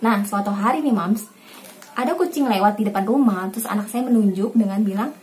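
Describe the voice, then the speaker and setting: A woman's voice: mid-range voice, brisk, slight background noise. A young Indonesian mother hosting a home tutorial, speaking casually and repeating herself as she talks to viewers she calls Mams. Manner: warm, repetitive, addresses viewers as Mams. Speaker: parenting channel host, mother.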